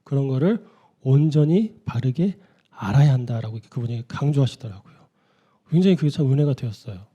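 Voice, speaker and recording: A man's voice: medium pitch, animated, a little fast, dark tone, slightly rough, muffled recording. A man preaching an early-morning sermon in a conversational way, often putting rhetorical questions to his listeners. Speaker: pastor.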